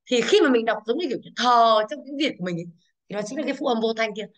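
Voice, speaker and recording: A woman teaching an English exam class, going briskly through the answers, stressing each English word and asking the class to confirm. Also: fairly high pitch, animated.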